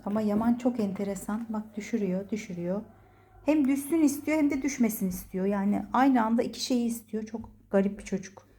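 A woman's voice: mid-range voice, a little fast, dark tone. A woman at home filming her cats on a phone, giving casual running commentary, laughing often and playfully cooing at and scolding them.

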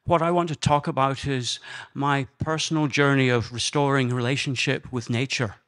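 An older Scottish man speaks to a conference audience, telling his personal story in an earnest, measured way. His voice is of middling pitch for a man. He talks into a handheld microphone in a conference room. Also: fairly even intonation, fairly bright tone. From Scotland.

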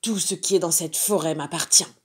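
A woman's voice: fairly low pitch, moderate pace, husky. A woman growling as a menacing forest-spirit panther. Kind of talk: storybook reading for children.

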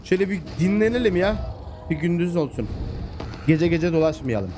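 A man giving casual, excitable let's-play commentary, chatting away and talking to the animals in the game. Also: a little high, normal speed, slight background noise. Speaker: gameplay commentator.

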